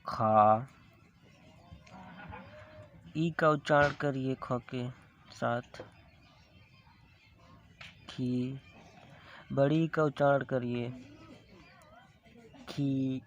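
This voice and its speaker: Slow, patient man drilling syllables. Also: mid-range voice, steady tone, a little hiss or hum. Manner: slow, repetitive drilling, drawing out each syllable. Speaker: teacher. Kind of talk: slow Hindi alphabet lesson.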